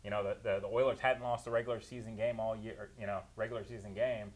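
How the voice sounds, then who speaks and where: A man with a fairly low, level-toned voice speaks fast. He's a talk-show producer and analyst who breaks down football games play by play in detail, opinionated and quick to laugh.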